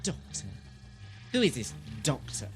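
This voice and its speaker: A man's voice: medium pitch, wildly swooping pitch, a little slow, over loud music. An actor playing a tyrannical, sadistic warlord in an audio drama, commanding and theatrical in his menace. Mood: quiet menace. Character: tyrannical, sadistic male warlord, imperious and quick to fury. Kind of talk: audio drama villain acting.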